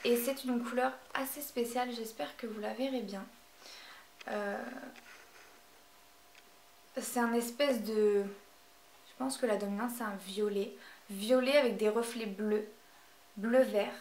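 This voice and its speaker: A woman's voice: on the high side, fairly even intonation, slow, long pauses, darkish tone, recorded from a distance. Hesitant woman vlogging in an echoey room. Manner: hesitant, many filler sounds. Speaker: beauty vlogger. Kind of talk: casual product review.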